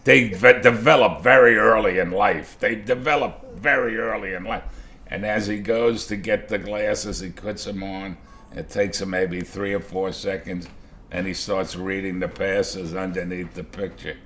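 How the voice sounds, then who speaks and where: An older grandfather telling animated stories from his childhood in an interview. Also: sits low, unhurried, a little hiss or hum. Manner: animated, lively storytelling. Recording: roomy echo with faint music.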